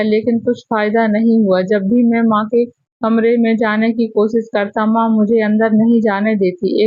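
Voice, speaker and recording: A woman narrating a first-person family story in a steady, even manner. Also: fairly high pitch, dry recording, dull audio.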